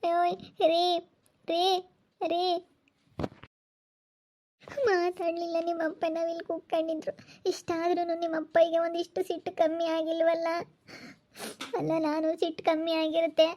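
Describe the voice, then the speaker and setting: A woman sings a slow, sorrowful folk song. She also pleads tearfully in a village drama. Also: very high voice, highs cut off.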